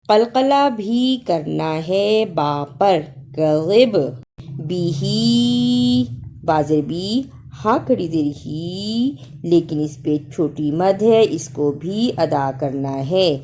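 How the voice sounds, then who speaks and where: Mellow-voiced woman teaching Quran recitation. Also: fairly low pitch. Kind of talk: tajweed lesson, chanted recitation with spoken explanation.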